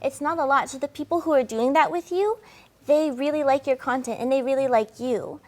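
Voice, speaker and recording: A woman's voice: high-pitched, a little fast, darkish tone. A woman on a panel reassuring a young creator, her talk full of "like" and "you know.". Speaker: social media influencer on a panel.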